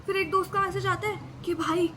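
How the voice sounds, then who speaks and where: Young woman, very high voice, bright and sharp, dramatic storytelling vlog, faint noise behind. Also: steady tone, brisk. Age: young adult. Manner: dramatic, re-enacts panicked dialogue. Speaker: vlogger.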